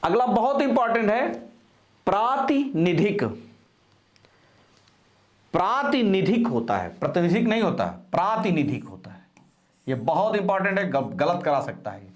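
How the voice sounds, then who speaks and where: A man teaching spelling for exams, repeating each word slowly and stressing key syllables, with frequent reminders to pay attention. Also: high voice. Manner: animated, coaching tone with frequent reminders. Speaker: Hindi grammar teacher. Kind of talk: exam-prep spelling lesson.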